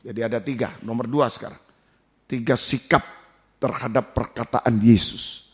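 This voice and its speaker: A man from Indonesia, preaching a sermon as pastor and asking the congregation questions, swinging from loud exclamations to low asides. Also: steady tone, normal speed, slightly rough.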